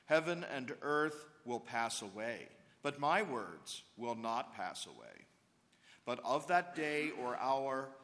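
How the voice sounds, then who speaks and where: A man of middle pitch preaches at a leisurely, deliberate pace, every phrase trailing into a long cathedral echo. He reads and explains scripture as a priest in a large church. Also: fairly bright tone. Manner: slow, measured liturgical delivery. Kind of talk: Gospel reading and homily at Mass.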